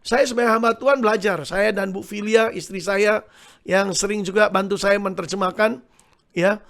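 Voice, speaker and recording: Gravelly high-pitched male pastor preaching. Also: moderate pace. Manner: animated preaching, calls to the congregation. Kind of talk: sermon.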